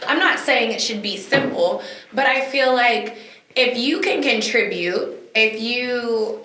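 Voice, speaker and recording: A woman co-hosts a casual talk, firing off rhetorical questions as she argues her view. Her voice is bright and forceful. The room gives it a noticeable echo. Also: fairly high pitch, slow. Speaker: podcast co-host. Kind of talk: casual discussion. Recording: echoey room.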